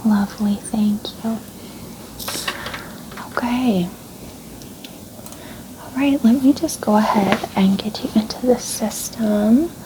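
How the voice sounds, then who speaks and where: Soft-spoken woman, librarian role-play. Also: mid-range voice, takes it slowly, pauses often, background noise. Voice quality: soft-spoken, breathy near-soft voice. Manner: polite, reassuring, gentle customer-service phrasing. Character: gentle, helpful female librarian. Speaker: ASMR creator playing a librarian.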